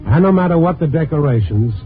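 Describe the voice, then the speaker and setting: A man leans slightly high and a little fast in his expressive, lightly acted voice as he plays a probing, world-weary newspaper reporter. He narrates a brooding 1950s radio noir drama in the first person, and the tinny old recording carries soft background music.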